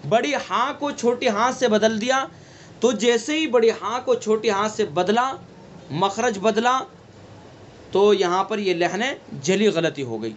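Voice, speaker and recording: A man with a Delhi Urdu accent leads an online Quran recitation class, his voice sitting high for a man. He goes over each rule patiently, repeating it and quizzing the students, then answering himself. A faint hiss of noise runs under the recording. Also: animated, highs cut off. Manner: slow, repetitive teaching, asks and answers own questions. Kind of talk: online tajweed class lecture.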